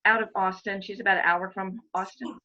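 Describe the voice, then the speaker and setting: Woman, team member, video call, encouraging, halting, muffled lo-fi sound. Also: medium pitch, fairly even intonation, sharp tone. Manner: encouraging, hesitant restarts. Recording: dull lo-fi call audio.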